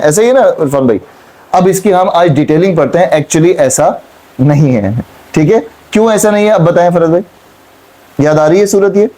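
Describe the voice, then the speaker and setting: Male Quran teacher, high mellow voice, questions and repeats. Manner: questioning students, repeating points. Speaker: Islamic teacher. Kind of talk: Quran class explanation. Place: classroom with students.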